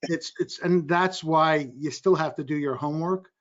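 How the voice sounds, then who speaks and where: A fairly high-voiced man talks as an investor on a panel, quick and energetic, often breaking into his own sentences. The audio is dull and lo-fi, as from a video call. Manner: energetic, quick, self-interrupting. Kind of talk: panel discussion.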